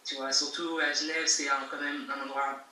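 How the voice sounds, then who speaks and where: This is a young woman from Geneva, Switzerland, a guest rapper taking interview questions over a video call. She's casual and emphatic, repeats herself and laughs between points, speaking at normal speed in a low, sharp voice with little pitch movement, over echoey, distant audio with faint noise.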